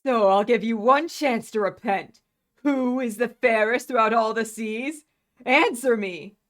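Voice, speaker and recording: A vain, domineering woman pirate captain from a cartoon, voiced by a woman. She speaks haughtily with open menace. Her voice sits fairly high. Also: a little slow, lightly acted. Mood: haughty. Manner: haughty, threatening.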